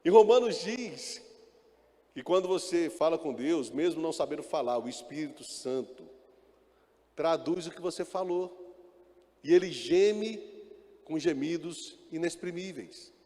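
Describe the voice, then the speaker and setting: A pastor preaching a sermon in church, calling out to the congregation and mixing in joking asides. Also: male voice, fairly high pitch, animated, a little slow, dark tone. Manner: calls out to the congregation, often asking "amen?". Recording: echoey church hall reverb.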